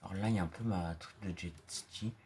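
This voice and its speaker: A man giving casual, rambling gameplay commentary full of fillers, sometimes dropping into quiet murmurs. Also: low-pitched, brisk, a little hiss or hum. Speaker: gaming video creator. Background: mouse and keyboard clicks.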